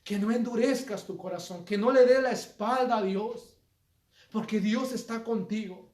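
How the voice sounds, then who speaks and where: A man's voice: high voice, reverberant. A man preaching a sermon, speaking earnestly and appealing directly to his listeners. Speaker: pastor.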